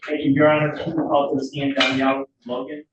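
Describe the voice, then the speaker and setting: A man speaking as a prosecutor, formally questioning in court with halting, rephrased wording. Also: medium pitch, monotone, highs cut off. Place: indoor courtroom. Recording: very echoey courtroom, distant mic, clear noise.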